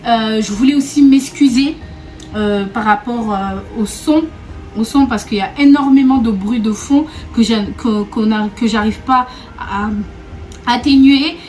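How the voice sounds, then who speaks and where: Young woman, from Réunion, vlogger, casual storytime chat, talkative, repeats herself, laughs a lot, slightly high voice. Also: measured pace, darkish tone, soft background music. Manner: chatty and repetitive, often laughing, calls viewers 'mes go'.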